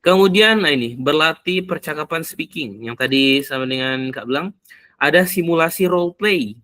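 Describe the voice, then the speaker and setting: A man explaining in casual talk, often pausing to search for words. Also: on the high side, sharp tone. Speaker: speaker explaining AI tools for learning English.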